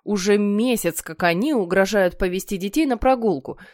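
A woman narrating a children's story in a lively, playful way. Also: medium pitch, normal speed, dry recording, clean studio sound. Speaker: audiobook reader.

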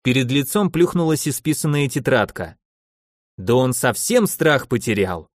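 A man reading a fantasy story aloud with wry, even storytelling. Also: medium pitch, normal speed, no room sound, clean studio sound. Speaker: narrator. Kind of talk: audiobook fantasy narration.

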